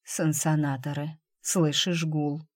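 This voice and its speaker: A woman voicing a wounded man who gasps out his words in a rasping voice, in an audiobook. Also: sits low, flat delivery, takes it slowly, a little mellow. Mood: strained rasping. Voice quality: rasping, breathless. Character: wounded man, hoarse dying warrior. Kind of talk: audiobook character voice.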